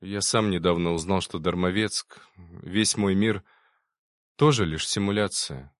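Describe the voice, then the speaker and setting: A man reading as a gentle young programmer. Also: low-pitched, a little slow, no room sound, studio quality. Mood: earnest. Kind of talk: audiobook reading.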